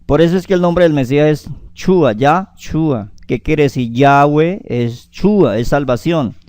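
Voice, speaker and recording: Man, preacher, sermon, frequent hallelujahs, cites chapter and verse, slightly high voice, dry close sound. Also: animated, measured pace, a little mellow, dry recording. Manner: addresses the congregation as beloved, interjects hallelujah often. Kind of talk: sermon on the weekly Torah portion.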